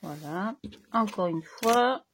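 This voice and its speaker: Slow, slightly hoarse French-speaking craft woman. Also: mid-range voice, lively intonation, slight background noise. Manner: slow, chatty, talks to herself while working. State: slightly hoarse, clearing her throat. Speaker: crafting tutorial host. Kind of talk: casual hands-on crafting tutorial.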